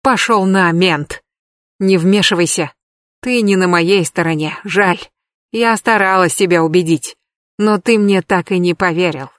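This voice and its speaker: Vengeful fanatic mother, cold and hollow-voiced, read by a woman narrator; low and dry. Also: unhurried, no room sound, lightly acted. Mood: menacing. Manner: hollow, menacing.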